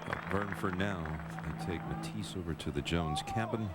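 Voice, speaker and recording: A man's voice: low voice, moderate pace. A man hosting a televised golf tournament with live commentary, taped from an old broadcast. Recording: very noisy VHS broadcast, loud crowd.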